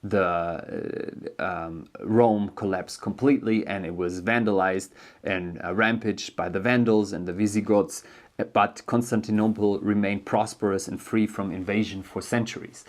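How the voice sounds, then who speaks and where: A man's voice: lowish voice, fairly even intonation, measured pace. A man with a German accent who grew up in Germany, hosting an educational video and explaining a book in a loose, unscripted way, thinking aloud with many ums and restarts. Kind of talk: casual spoken book explainer.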